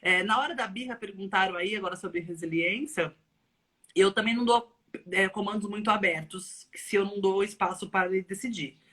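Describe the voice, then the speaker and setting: A Brazilian woman hosting a casual online chat, lively and thinking aloud as she talks. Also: mid-range voice, brisk. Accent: Brazilian Portuguese. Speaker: live stream host. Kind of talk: casual video-call chat.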